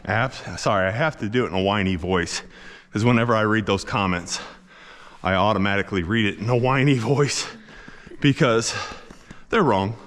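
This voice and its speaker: A man working as a horse trainer, coaching a rider in a folksy, encouraging way and cooing softly to the horse. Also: lowish voice, normal speed, big-room sound. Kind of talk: instructional coaching.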